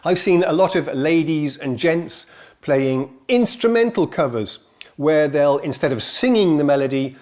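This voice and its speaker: A man's voice: fairly high pitch, unhurried. Guy hosting his keyboard channel, chatty and jokey, voice bouncing all over. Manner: chatty, self-mocking, animated delivery. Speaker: host. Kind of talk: casual presenter talk to camera.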